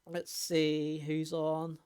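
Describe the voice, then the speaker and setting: A woman's voice: low voice, completely flat delivery, drawn-out words, darkish tone, clean tone. Chatty woman streamer. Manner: chatty, rambling, easygoing. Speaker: game streamer. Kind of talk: casual stream chat.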